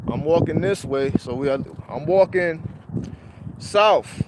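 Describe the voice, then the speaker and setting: A man's voice: a little high, takes it slowly, noisy background. A man telling a rambling, profane street story in a casual livestream monologue. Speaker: livestream host.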